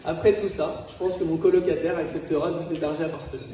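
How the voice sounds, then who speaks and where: A man's voice: fairly high pitch, steady tone, fast talker, heavy background noise. Hesitant man toasting in a big hall. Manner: warm, hesitant, with laughs. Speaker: wedding guest giving a speech. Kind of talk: wedding speech. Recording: distant in a reverberant hall.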